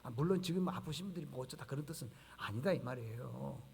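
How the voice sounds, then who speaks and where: A man's voice: medium pitch, animated, fast, gravelly, a little mellow, long reverb tail, slight background noise. A male pastor preaching a sermon in a conversational way, asking the congregation rhetorical questions and acting out dialogue. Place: church sanctuary.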